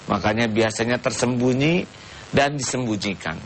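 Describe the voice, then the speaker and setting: An Indonesian man, a religious teacher answering questions on a talk show, speaking calmly and reciting Arabic verses with touches of humor. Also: mid-range voice, moderate pace, slight background noise.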